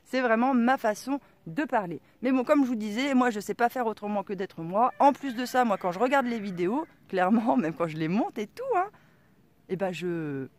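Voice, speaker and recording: A woman's voice: fairly high pitch, expressive, moderate pace, darkish tone. A middle-aged woman with a strong regional French accent, vlogging in a casual, rambling way, full of slang and fillers. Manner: rambling, lots of fillers like "quoi" and "euh", slangy. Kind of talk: casual vlog monologue.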